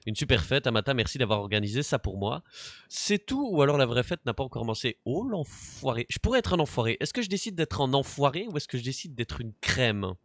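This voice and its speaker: A man's voice: mid-range voice, very animated, fast talker, a bit bright, no room sound. Sarcastic man joking over a game. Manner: joking, sarcastic and crude, talks back to the characters. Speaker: let's play gamer. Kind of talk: let's play commentary.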